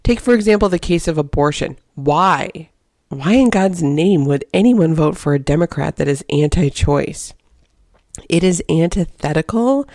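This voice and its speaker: Woman with a mellow voice, opinionated podcaster. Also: low-pitched, dry recording, clean studio sound. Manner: opinionated, emphatic, argumentative. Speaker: podcast host. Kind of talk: solo opinion podcast monologue.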